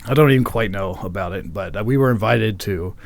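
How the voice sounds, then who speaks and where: A man's voice: on the low side, brisk, creaky, dry recording. A man co-hosting a casual podcast, rambling, swearing freely and laughing at his own confusion. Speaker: podcast co-host.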